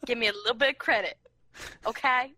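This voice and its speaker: Giggly, bright-voiced young woman. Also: a little high, brisk, no echo. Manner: giggly, crude and teasing. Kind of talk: casual chat. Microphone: laptop mic.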